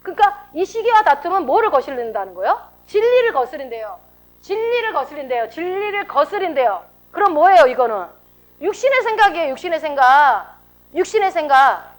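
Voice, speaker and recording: A woman pastor preaching a sermon, animated and full of rhetorical questions, acting out heated outbursts as she goes. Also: high voice, a little fast.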